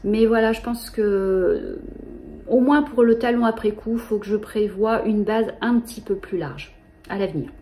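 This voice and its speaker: A middle-aged woman, hosting a knitting show in a casual, halting way with many fillers. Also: medium pitch, dark tone. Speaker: knitting podcast host.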